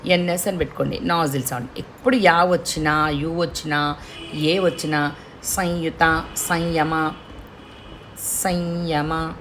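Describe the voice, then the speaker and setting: A woman teaching pronunciation, drawing out syllables slowly to demonstrate them. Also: sits low, steady tone, fairly bright tone, slight background noise. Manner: slow demonstrative enunciation of syllables. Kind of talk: pronunciation lesson.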